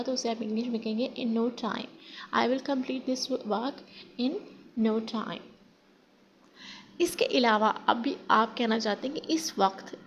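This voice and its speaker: A woman teaching a spoken English lesson in Hindi, drawing out example phrases slowly and often correcting herself. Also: fairly high pitch, creaky, lo-fi sound, a little hiss or hum. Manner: slow drawn-out example phrases, frequent self-corrections.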